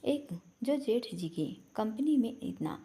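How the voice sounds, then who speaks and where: A woman's voice: a little high, lively intonation, slow pace, creaky, warm tone, exaggerated voice. A woman voicing a spiteful young woman who taunts her sister-in-law with scorn. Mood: taunting.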